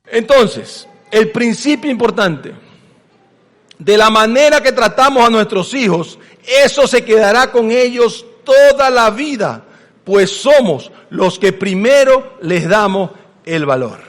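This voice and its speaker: A man preaching a sermon as a pastor. He is animated, swinging between loud emphasis and hushed asides, and questions the congregation directly. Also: high voice, slow. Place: church sanctuary. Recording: long reverb of a large church hall.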